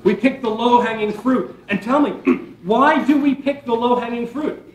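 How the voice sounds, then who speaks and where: A man giving a keynote workshop presentation, lively and playful, firing questions at the audience and dropping sarcastic asides. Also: very high voice, moderate pace. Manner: energetic, asks the audience questions. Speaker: keynote speaker. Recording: roomy hall, mic from a distance.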